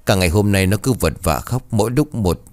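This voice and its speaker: A male narrator voicing an elderly grieving grandmother who talks softly and caringly to her grown children in a storybook ghost tale. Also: on the low side, lively intonation, a little fast, natural voice.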